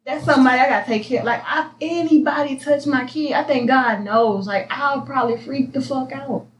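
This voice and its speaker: A woman's voice: high-pitched, a little fast. A woman co-hosting a podcast in casual chat, blunt and profane, laughing as she tells stories. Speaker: podcast co-host.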